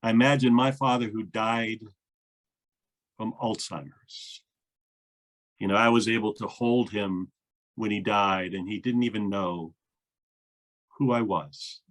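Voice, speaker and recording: Man, minister hosting a talk, lowish voice, unhurried, earnest, thoughtful, some ums. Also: a bit bright. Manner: earnest, thoughtful, with frequent fillers. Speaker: interviewer and minister. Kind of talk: reflective conversation.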